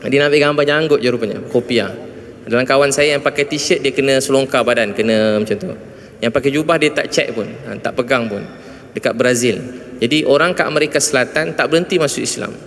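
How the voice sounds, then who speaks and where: A man's voice: a little fast, fairly bright tone, slight background noise. Malaysian Malay man preaching in a hall. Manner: storytelling, rising and emphatic at high points. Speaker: visiting preacher. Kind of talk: religious talk to a mosque audience. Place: large mosque hall. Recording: reverberant mosque hall.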